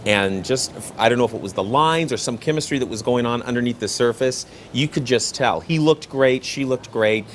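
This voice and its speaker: A man's voice: medium pitch, normal speed, hardly any pauses, a little hiss or hum. A man talking as a film director in a behind-the-scenes interview, telling stories with enthusiasm.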